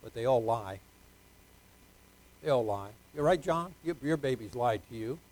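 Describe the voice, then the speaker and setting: An older man preaching a folksy sermon, joking with the congregation, dropping to quiet asides and rising to loud, drawn-out emphasis. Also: mid-range voice, expressive, low-quality recording. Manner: jokes with the congregation, asks for amens.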